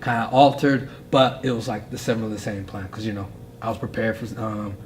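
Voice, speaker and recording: A young man with a fairly low voice tells his story in a loose, rambling way, packed with fillers and repeated phrases. He gets animated as he goes. There is a faint hiss under the recording. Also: a little fast. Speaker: podcast guest, fighter. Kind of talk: casual storytelling.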